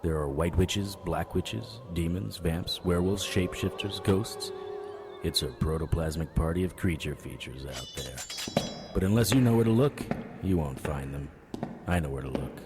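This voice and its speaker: Dry joking detective narrating a radio mystery, lowish voice. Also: male voice, normal speed, music in the background. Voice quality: wry, deadpan. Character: dry-witted male private investigator narrator. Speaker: narrator and lead character. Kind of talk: hardboiled audio drama narration.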